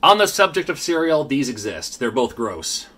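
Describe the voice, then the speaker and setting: Male vlogger, 30s, chatty, self-correcting, crisp bright voice, slight noise. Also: medium pitch, sing-song, normal speed. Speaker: YouTube host. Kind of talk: casual unboxing vlog. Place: home room with his kids.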